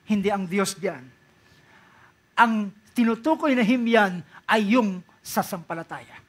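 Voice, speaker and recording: A man preaching a sermon, mixing Tagalog and English as he reads Bible verses, dropping to hushed pleading and rising to loud emphatic declarations. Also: high voice, lively intonation, a little slow. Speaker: pastor.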